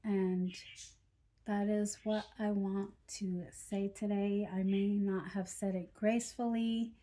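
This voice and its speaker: Slow, over-enunciating soft-voiced woman. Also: medium pitch, flat delivery. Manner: slow, deliberate, over-pronounced words; earnest and encouraging. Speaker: doll collector vlogger. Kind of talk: heartfelt talk to camera.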